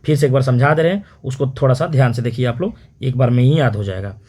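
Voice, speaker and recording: A man teaching an exam-prep geography lesson, repeating terms and quizzing listeners with quick questions. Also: medium pitch, darkish tone, slightly rough. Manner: repetitive question-and-answer drilling, frequent "theek hai".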